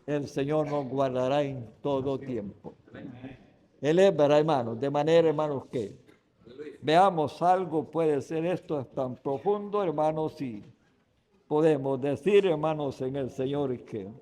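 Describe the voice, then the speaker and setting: A man's voice: fairly high pitch, unhurried. A man preaching a Sunday sermon as a guest preacher. He speaks in emphatic bursts and keeps calling out to his "brothers" with a questioning "right?" after almost every phrase. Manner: emphatic preaching with sudden loud stresses. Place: church sanctuary. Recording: long reverb of a church hall.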